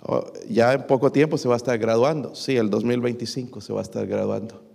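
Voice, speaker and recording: In a large church hall, a middle-aged man preaches to his congregation in a steady, fairly quick voice with vocal fry and a slightly mellow quality. He calls them brothers, asks frequent rhetorical questions, and reads scripture aloud, rising in pitch and force on the verses.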